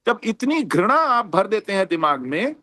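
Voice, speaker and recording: A man's voice: high-pitched, very animated, normal speed, sharp tone, dry recording, clean studio sound. A man arguing as a panelist on a TV news debate, emphatic and indignant, building rhetorical points. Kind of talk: heated TV debate argument.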